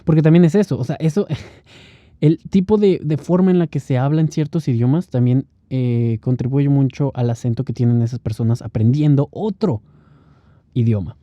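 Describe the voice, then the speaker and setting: A man's voice: mid-range voice, moderate pace, dark tone, dry recording. A man hosting a solo podcast, talking loosely and thinking aloud, with laughs between points. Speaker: podcast host. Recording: dry, slightly muffled lo-fi recording.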